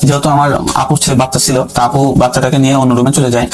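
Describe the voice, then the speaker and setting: A man's voice: medium pitch, level tone, rapid-fire, darkish tone, rough recording. A man, a caller telling his own story in casual, rambling speech that repeats phrases and keeps turning to the host. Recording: music playing under the voice.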